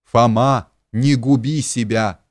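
Man doing an agitated, pleading kind gentleman. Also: medium pitch, unhurried, dry recording, studio quality, close to an everyday voice. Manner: pleading, shouting with emotion. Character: kindly middle-aged gentleman, agitated and trembling.

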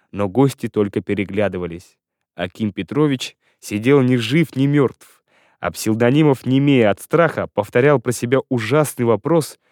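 A man narrating classic prose with expressive storytelling. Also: mid-range voice, dry recording, studio quality. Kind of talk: audiobook reading of classic prose.

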